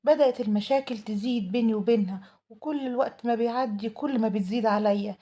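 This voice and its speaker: A woman's voice: on the high side, quick pace, mellow. A woman with an Egyptian Arabic accent telling a dramatic first-person story, in an emotional, pleading manner. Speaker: storyteller narrating a mother's tale.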